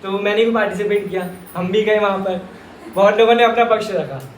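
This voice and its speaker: A man's voice: high-pitched, a little fast, a little hiss or hum. A man from Rajasthan teaching Jain scripture to a live audience in a chatty, joking way, often calling his listeners brother. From Rajasthan, India. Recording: echoey hall with faint ambience.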